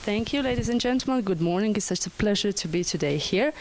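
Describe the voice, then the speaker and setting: A young woman presents at a conference in a friendly, easygoing way. Her voice sits at a middle pitch for a woman, and light laughs slip in between points. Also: expressive, fast talker, crowd noise, rough recording. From Croatia.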